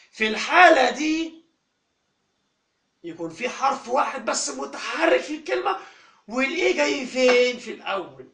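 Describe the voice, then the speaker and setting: A man with an Egyptian accent teaching a phonics lesson to children, quizzing the class and drawing out each sound slowly. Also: sits high, creaky, bright, forceful tone. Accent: Egyptian Arabic. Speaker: English teacher. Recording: echoey room from far off.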